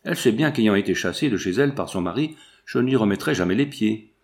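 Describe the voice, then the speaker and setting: A man's voice: on the low side, animated, fairly quick. A man reading the lines of a proud, vindictive woman of sixty in a novel, indignant and cold.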